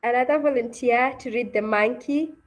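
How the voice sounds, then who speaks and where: Speaking at a moderate pace in a slightly high voice, a woman narrates a story while hosting an interactive read-aloud webinar over video call. She keeps encouraging her audience and checks in with them often.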